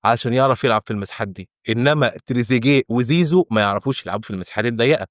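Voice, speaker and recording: A man's voice: mid-range voice, no echo, clean studio sound. A young Egyptian man ranting in frustration as a football fan reacting to a match. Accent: Egyptian Arabic. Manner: frustrated, exasperated, rapid and insistent. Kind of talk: heated fan reaction rant.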